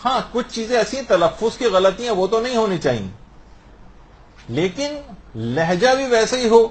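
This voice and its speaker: Pakistani-accented guy teaching prayer rules, asks a question then answers it, voice on the high side. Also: expressive. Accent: Pakistani Urdu. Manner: explains through questions and answers. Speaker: religious scholar. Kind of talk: religious lesson on prayer rules.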